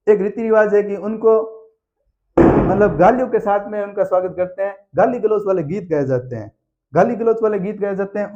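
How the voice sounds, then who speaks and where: A male teacher, telling a story to teach exam facts and drilling key answers by repeating them. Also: high voice. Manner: animated storyteller who acts out aunts and sings snatches of songs. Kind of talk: exam-prep lesson with storytelling. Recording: slightly dull lo-fi recording.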